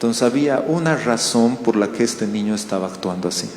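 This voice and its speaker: Bolivian pastor preaching in a reverberant hall. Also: male voice, mid-range voice, brisk, slight background noise. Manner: animated storytelling with questions to the congregation. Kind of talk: sermon. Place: church hall. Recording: roomy church hall reverb.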